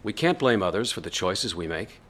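Calm male counselor, lowish voice, measured, firm, instructive radio drama delivery. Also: heavily acted. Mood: firm, concerned.

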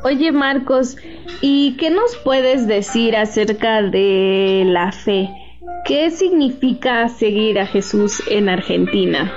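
A woman's voice: medium pitch, slow, muffled recording, over music. A woman hosting an interview, friendly and jokey, often chiming in with short affirmations. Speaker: host. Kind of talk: casual interview talk.

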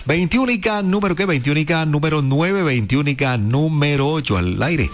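A man's voice: fairly high pitch, animated, normal speed, slight background noise. A man hosting a radio countdown show, chatty and upbeat, talking straight to his listeners. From Colombia. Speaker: radio host. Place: radio studio. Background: music.

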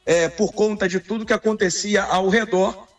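A man phoning in as a sports reporter on speakerphone, giving a measured, informative report with the occasional filler. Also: sits high, steady tone. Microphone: phone on speakerphone. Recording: distant speakerphone call.

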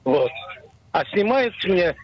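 An older man calls in with a question and keeps stopping to search for the right words. His voice is fairly high and reaches us through a muffled, dull phone line. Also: sing-song, measured pace. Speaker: caller.

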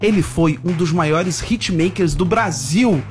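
A man's voice: high-pitched, measured pace, faint music behind. A man in his thirties hosting a talk show, playful and theatrical as he announces guests. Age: 30s. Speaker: host.

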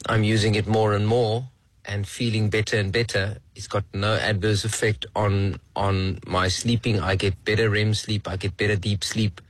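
A man in his forties speaks slowly and haltingly in a recorded voice note played on air, sharing a personal story as a listener. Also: on the low side, level tone, dry recording. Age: 40s. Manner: slow and halting, with many pauses and ums. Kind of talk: casual personal testimony.

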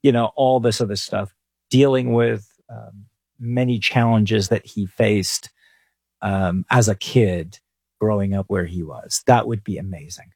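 An English financial advisor gives casual interview answers on a radio show in a low, slightly husky, somewhat mellow voice. He replies at an easy, thoughtful, slightly slow pace, and the recording is dry and close.

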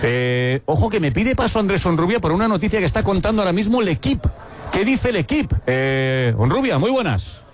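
A man hosting a late-night sports radio show, talking quickly and joking with his guests. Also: high voice, sing-song. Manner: quick, joking, laughs often.

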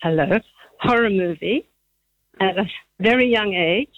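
A woman's voice: mid-range voice, unhurried. A woman in her seventies from Zambia, calling in to a radio show and telling a childhood memory with frequent laughter. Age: 70s. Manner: chatty, laughing often, rambling memories. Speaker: caller. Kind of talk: phone-in chat. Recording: tinny phone line.

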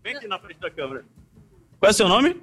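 A man with a Brazilian Portuguese accent, reporting live outside a stadium and asking fans quick, chatty questions. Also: sits high, sing-song, a bit bright, husky. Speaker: field reporter. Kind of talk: live street interviews.

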